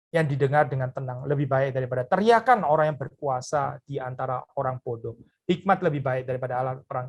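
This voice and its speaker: Husky-voiced man preaching a sermon. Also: fairly high pitch. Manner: earnest, addresses listeners as "Saudara" and tags phrases with "ya"; mixes English words into his speech. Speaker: pastor.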